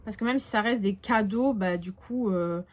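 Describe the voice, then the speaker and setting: A woman's voice: medium pitch, normal speed. A woman in her late twenties giving a casual beauty haul vlog, chatty with frequent filler sounds as she shows products. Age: 20s. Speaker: beauty vlogger.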